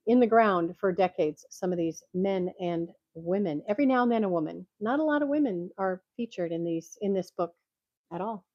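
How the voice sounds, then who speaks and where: An older woman talks in a relaxed, rambling way and laughs easily, her voice mellow and a little congested. The sound is dull and tinny, like speaking through a tin can, and very dry. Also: mid-range voice, no echo. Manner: chatty, rambling, laughs often. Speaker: vlogger reading jokes. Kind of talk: casual chat. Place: at home. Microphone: microphone clipped to her glasses.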